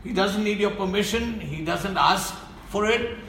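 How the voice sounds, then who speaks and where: A male preacher delivers a sermon at a slow, deliberate pace, stern and emphatic, sinking low to hammer a point home. His voice sits a little high for a man, with a gravelly edge. The recording is roomy and echoey, with faint ambience behind him. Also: fairly bright tone, a little hiss or hum.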